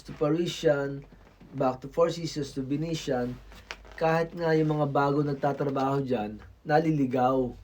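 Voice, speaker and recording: Husky man from the Philippines, blunt and lecturing, casual vlog advice. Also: mid-range voice, darkish tone. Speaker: Filipino worker in Macau giving travel advice.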